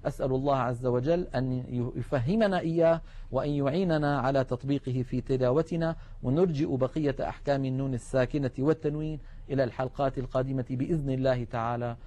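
Measured man teaching recitation rules. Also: medium pitch, mellow. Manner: measured, explanatory, slows to spell out examples. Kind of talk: televised tajweed lesson.

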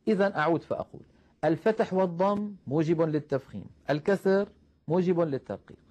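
A man teaching the rules of Quran recitation, explaining patiently, calling his listeners brothers and slowing down to recite example verses. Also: on the high side, a little mellow. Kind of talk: tajweed lesson.

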